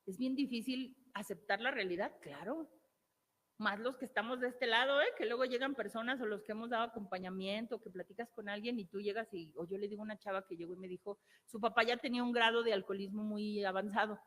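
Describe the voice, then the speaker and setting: A woman's voice: medium pitch, quick pace, a bit bright. A woman therapist with a Mexican accent giving an emphatic motivational talk, repeating key phrases and asking rhetorical questions. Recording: long hall reverb.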